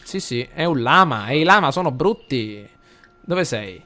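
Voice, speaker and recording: A man with an Italian accent commentating a life simulation game for his viewers, chatty, talking to the audience and getting loud and excited during the action. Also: medium pitch, measured pace. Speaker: gameplay commentator. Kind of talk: let's play commentary.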